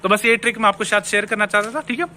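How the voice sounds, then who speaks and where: A man's voice: high voice, level tone, racing, bright, forceful tone, slight background noise. A man teaching Spanish pronunciation in an online lesson, explaining step by step and answering his own questions. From India.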